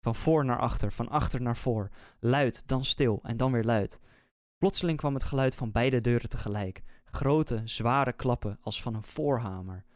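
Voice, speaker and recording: Man slowly narrating a horror story. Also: mid-range voice, no echo, clean studio sound. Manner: slow, measured, suspenseful. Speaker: podcast host.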